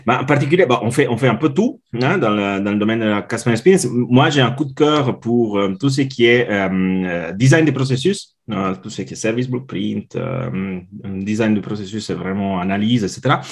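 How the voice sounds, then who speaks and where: An Italian man in his forties, a customer experience consultant, speaks French with an Italian accent as a guest in a casual interview chat. His fairly low, breathy voice is brisk with few pauses, yet he hesitates with many filler sounds and restarts.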